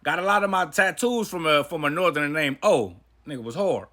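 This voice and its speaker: Bright-voiced man telling a story. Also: on the high side, lively intonation, a little fast. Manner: casual, profane street slang. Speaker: vlogger. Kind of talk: storytime monologue.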